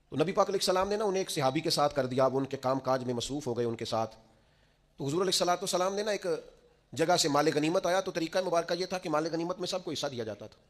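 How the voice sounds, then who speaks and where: A man preaching a sermon with a Pakistani accent, telling stories in a hushed voice and then rising into loud exhortation. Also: sits high. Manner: impassioned, swings between hushed storytelling and loud exhortation. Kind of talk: Urdu sermon storytelling.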